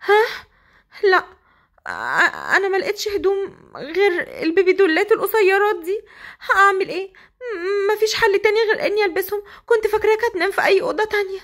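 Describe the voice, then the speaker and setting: A woman voicing a frightened, tearful young bride, pleading in a high, hurried voice. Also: a bit bright.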